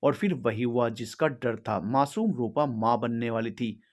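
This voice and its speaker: A man narrating a sad family story in a steady, solemn way. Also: mid-range voice, a little slow.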